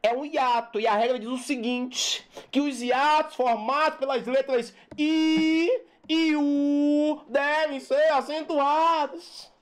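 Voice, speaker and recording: A teacher giving an online grammar lesson for exam prep, playful and animated, calling out to the student and chanting rules over and over. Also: high voice, slow. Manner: playful, animated, talks straight to the student with repeated calls for attention.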